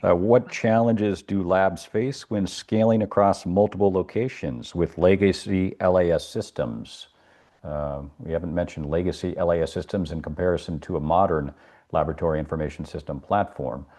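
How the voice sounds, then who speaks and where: A man moderating a webinar, reading audience questions with a hesitant, halting delivery. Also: deep voice, steady tone, dark tone.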